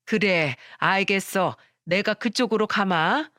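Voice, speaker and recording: An older mother-in-law, as a woman narrator acts her, unhurried and homely. She speaks slowly and a bit fuller than plain narration, in a dry close voice. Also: mid-range voice, a bit bright, no room sound. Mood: easygoing. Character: older mother-in-law, easygoing then firm.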